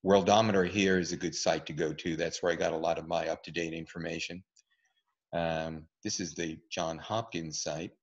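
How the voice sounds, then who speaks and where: A physician with a deep voice presents an online talk and fields questions at a moderate, easy pace. He explains in a relaxed way, full of ums and uhs, over dull, lo-fi video-call audio.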